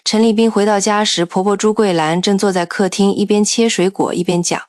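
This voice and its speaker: A woman narrating a scripted audiobook story in a steady, even storytelling manner. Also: mid-range voice, a little fast, dry recording, clean studio sound.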